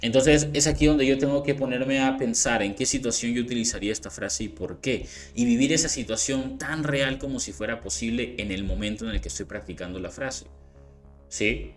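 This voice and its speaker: A man teaching a language lesson in a relaxed explanatory way, often checking in with the listener and slowing down to model phrases. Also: medium pitch. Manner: conversational, frequent rhetorical "¿no?" and "¿vale?" checks; slowed careful demonstrations of phrases. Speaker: English teacher. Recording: faint background music.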